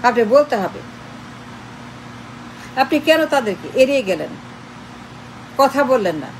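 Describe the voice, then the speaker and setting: Woman, high-pitched, confrontational political commentary, repeated rhetorical questions, code-switching, faint background noise. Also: sing-song, unhurried, poor audio. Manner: switches between Bengali and English. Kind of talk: impassioned online political monologue.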